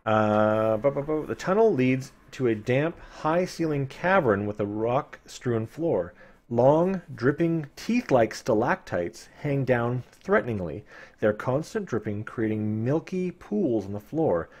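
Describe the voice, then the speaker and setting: During a live stream, a man reads a fantasy gamebook aloud, giving the narration drama while keeping his side comments playful and informal. His mid-range voice is animated and unhurried, with a slightly mellow quality.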